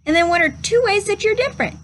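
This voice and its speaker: Outdoors beneath a covered wooden pavilion, a young woman reads a picture book to kids and talks with them in an easy, instructive way. Her voice is extremely high-pitched and fairly bright, and she moves at a quick pace.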